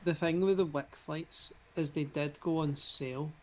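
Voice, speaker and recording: A man's voice: a little high, fairly even intonation, moderate pace, low-quality recording. A man with a broad Glaswegian Scottish accent chatting casually on a live stream. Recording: clear background noise.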